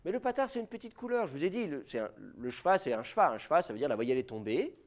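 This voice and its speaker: A man with a French accent lectures a university class, addressing the students directly and filling pauses with hesitations. His voice sits a little high and swings widely in pitch, animated as he explains. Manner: lively, explanatory, speaks to students directly with many fillers.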